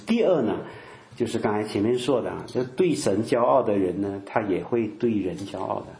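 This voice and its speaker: A man's voice: fairly low pitch, expressive, normal speed, gravelly, dark tone, reverberant. An older man giving a conversational sermon, full of filler particles and acted-out quotes. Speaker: preacher.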